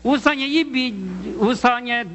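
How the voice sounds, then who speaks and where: A man preaching a sermon, talking haltingly, repeating words and putting questions to the listeners. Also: extremely high pitch, fairly even intonation, a bit bright, slight background noise. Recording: muffled audio with long hall echo.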